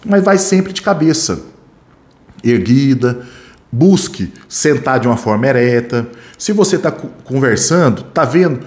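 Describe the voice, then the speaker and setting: A man's voice: medium pitch, measured pace. A middle-aged man with a Brazilian Portuguese accent, a security training instructor teaching in a classroom, talking with his hands and correcting himself as he goes. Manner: animated, talks with his hands, self-correcting. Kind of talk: classroom-style lesson with acted examples.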